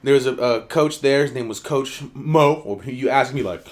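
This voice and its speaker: A young adult man who plays college football co-hosts a casual podcast, telling stories in slangy talk at a normal speed and swearing freely. When he acts out quotes, his pitch and loudness jump sharply.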